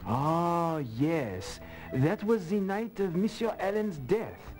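Brief: a smooth French gentleman suspect, animated delivery, faint music under. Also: a little high, slow pace, rough recording. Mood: charming. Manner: smooth, chuckling, evasive. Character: suave French uncle suspect, chess player. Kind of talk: video game voice acting.

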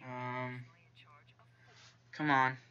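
A man's voice: mid-range voice, level tone, drawn-out words, sharp tone, smooth, lo-fi sound. A young man commenting on a horror game he is playing, jumpy and talking to the characters on screen. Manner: jumpy, talks to the game's characters, whispers when tense. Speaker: gaming YouTuber. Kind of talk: let's-play commentary.

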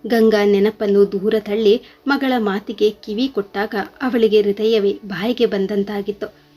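A woman reading a scripted story aloud in a steady, earnest way. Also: medium pitch, a little slow, faint music behind.

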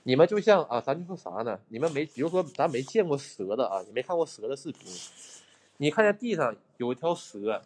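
A man's voice: medium pitch, big pitch swings, a little fast, darkish tone. Man, livestream ghost hunter, blunt, swears, chats with viewers, abandoned building. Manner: blunt and swearing, chatty, thanks viewers for gifts. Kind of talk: casual live-stream chat with viewers.

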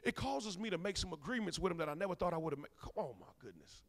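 Holding a handheld microphone, a preacher in his forties delivers an animated sermon in a big church sanctuary, ribbing the congregation as he swings from loud bursts to soft, hushed lines. His voice is fairly high and creaky and his pace quick, with a long echo filling the hall.

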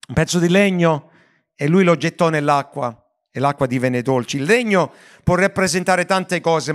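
A man's voice: fairly high pitch, a bit bright. A man preaching a sermon as pastor, earnest, with frequent restarts and stumbles over words.

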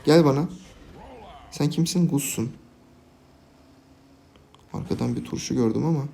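Gaming streamer, young adult male, slightly high voice, excitable play-by-play with sudden yelps. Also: a little slow, creaky, a little hiss or hum. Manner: excitable, jokey, shouts and laughs at big plays. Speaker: gaming YouTuber. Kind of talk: live gameplay commentary.

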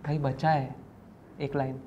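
A man in a comic sketch playing a calm group-therapy counsellor who speaks in a measured way. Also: mid-range voice, highs cut off, slight background noise, lightly acted. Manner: calm, measured, mixes English in.

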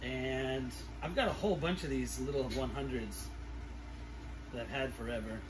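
A middle-aged man with a sick, congested throat, giving a casual hands-on demonstration in a halting mutter as he works. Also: medium pitch. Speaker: food-storage vlogger. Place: small living room, indoors. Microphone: camera a few feet away. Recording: distant camera mic, clearly noisy room.

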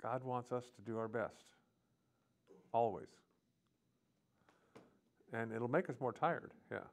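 Gravelly man preaching in short halting phrases. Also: mid-range voice. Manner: earnest, speaking prayers aloud to God. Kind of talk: sermon.

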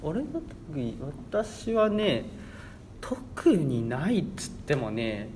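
A man's voice: fairly high pitch, very animated, slow pace, darkish tone, a little hiss or hum. A young man around eighteen hosting a casual radio chat in a rambling, stumbling way, often repeating himself. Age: young adult, about 18. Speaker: radio show host.

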